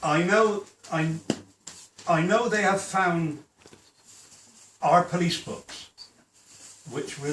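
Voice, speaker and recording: An older man who used to be a policeman fields questions from the audience in a straightforward way during a public talk. His voice is a little high and fairly bright, heard from afar in an echoing hall with a bit of background noise.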